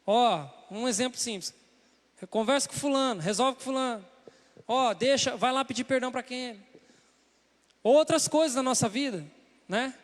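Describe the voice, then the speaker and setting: A man's voice: very high voice, normal speed, long pauses. A young Brazilian man preaching a sermon in church, talking to the congregation in a conversational way and acting out the voices he quotes. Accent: Brazilian Portuguese. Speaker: pastor. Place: church sanctuary. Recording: long hall reverb.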